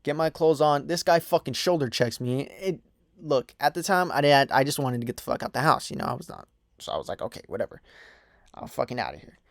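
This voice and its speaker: A man's voice: fairly high pitch, expressive, brisk, vocal fry, no echo, clean studio sound. A young man casually telling a storytime tale on his own channel, swearing freely and leaning on "you know" and "whatever" as fillers. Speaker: storytime vlogger.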